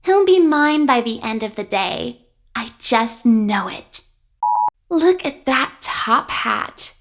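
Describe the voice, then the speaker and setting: A woman voicing a lovesick, obsessive, girlish animatronic in a video game, with breathy, dreamy swooning. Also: on the high side, expressive, takes it slowly. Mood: dreamy longing. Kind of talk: video game character acting.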